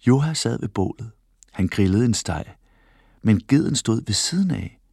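A man reading a children's story aloud in a clear, lively way. His voice rises and falls a lot, with a gravelly grain. The recording is close and dry. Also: lowish voice, dry recording. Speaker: reader.

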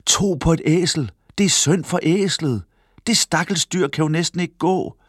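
A band of grumpy men scolds crossly, as a male storyteller puts them on. The voice is pushed up higher than his own and stays dry and near. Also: breathy edge, no echo. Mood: angry.

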